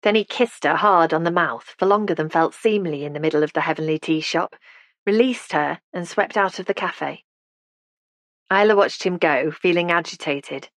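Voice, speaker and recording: Low-voiced woman reading an audiobook. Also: normal speed, dry recording. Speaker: audiobook narrator. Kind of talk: scripted narration.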